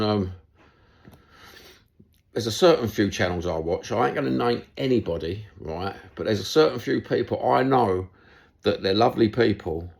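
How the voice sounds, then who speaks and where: This London football YouTuber is a middle-aged Cockney man delivering a loose, rambling monologue straight to camera. His very low voice carries a rough, gravelly fry and is a little mellow. He comes across blunt and chatty, swearing now and then.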